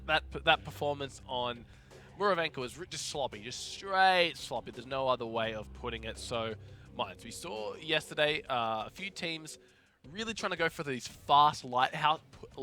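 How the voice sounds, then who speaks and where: A man's voice: fairly high pitch, pushed and bright. A man co-commentating a live tank esports match, casual, blunt and joking.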